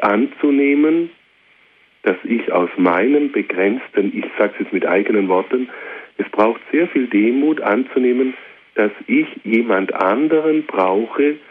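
A man preaching a fervent radio sermon, repeating phrases and appealing directly to his listeners. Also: lowish voice. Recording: tinny phone-like radio with hiss.

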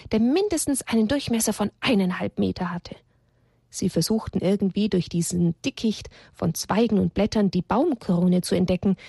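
A woman reading a children's story aloud in a gentle, expressive storytelling voice. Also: medium pitch, creaky, breathy edge, no echo, studio quality.

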